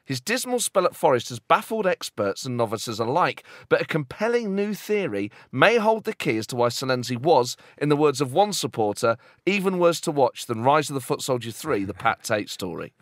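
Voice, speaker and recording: Lively-voiced podcast host. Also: male voice, medium pitch, normal speed, hardly any pauses, no room sound, studio quality. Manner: playful, teasing questions. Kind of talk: casual chat with mock-serious scripted bits.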